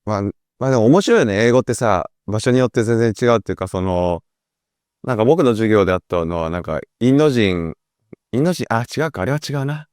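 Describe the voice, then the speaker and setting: A man's voice: on the low side, lively intonation, a little fast, darkish tone, smooth, dry recording, clean studio sound. A man hosting a casual chat, telling rambling stories with restarts and laughter into a VR headset mic. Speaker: host.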